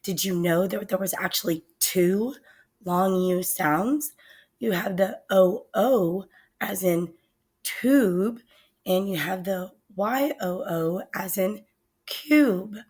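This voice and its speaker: Slow, gravelly-voiced woman teacher. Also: mid-range voice, steady tone, darkish tone. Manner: slow, deliberate, sounding out words. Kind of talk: recorded spelling lesson.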